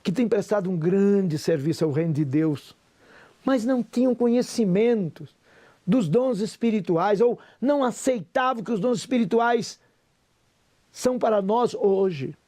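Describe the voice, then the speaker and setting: A man's voice: high voice, lively intonation, unhurried, warm tone. A Brazilian man in his sixties, a pastor, giving an emotional, preacher-like personal testimony with a Brazilian Portuguese accent. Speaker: pastor and businessman.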